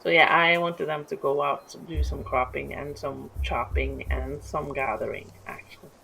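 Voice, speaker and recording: A middle-aged woman with a Norwegian accent does casual let's-play commentary from home, talking through a city-building game as a gameplay streamer; she rambles, gets easily distracted, and restarts a lot. Her deep voice has vocal fry and a sharp tone, with fairly even intonation and a moderate pace. The rough recording carries a little hiss or hum.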